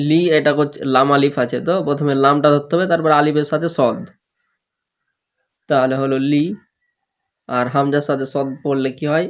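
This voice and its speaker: A man teaching Quran recitation rules step by step, slowly drawing out sample words and often clearing his throat. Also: on the high side, fairly even intonation. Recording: dull lo-fi recording.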